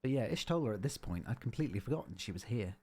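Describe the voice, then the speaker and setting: A man's voice: mid-range voice, expressive, very fast, a little mellow, breathy edge. A man streaming a game, giving casual, chatty commentary with rambling asides. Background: game music.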